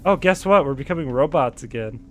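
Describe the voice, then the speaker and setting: A man co-hosting a gaming video, chatting casually during co-op play, excitable and quick to laugh and shout. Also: medium pitch, faint music behind. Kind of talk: casual co-op gameplay banter.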